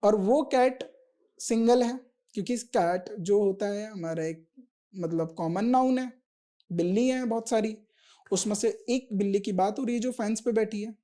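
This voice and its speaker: A woman's voice: mid-range voice, normal speed, dark tone. A woman teacher giving an exam-prep grammar lesson, explaining patiently step by step and often checking with the class.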